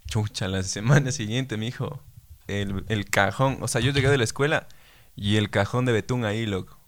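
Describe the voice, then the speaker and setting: Lower-pitched slangy Ecuadorian man. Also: normal speed. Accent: Ecuadorian Spanish. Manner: slangy, laughs along, tells his own story. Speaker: podcast co-host. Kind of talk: casual comedic chat.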